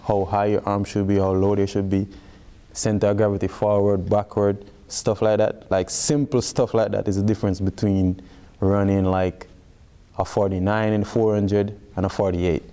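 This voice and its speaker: In a relaxed interview, a man in his twenties with a Jamaican accent, an athlete, talks at normal speed in a fairly low, flat voice that's warm and smooth. "Like" crops up constantly as he explains things.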